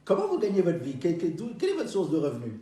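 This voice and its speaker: A man's voice: sits high, wildly swooping pitch, racing, dark tone. A man doing a stammering, polite banker. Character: polite, flustered male banker, middle-aged. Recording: roomy, from a distance.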